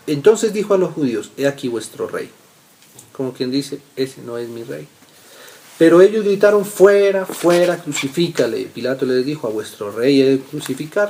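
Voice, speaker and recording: A man preaching a Bible teaching. He reads scripture aloud and keeps checking in with his listeners, moving between loud readings and soft asides. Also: mid-range voice, a little hiss or hum.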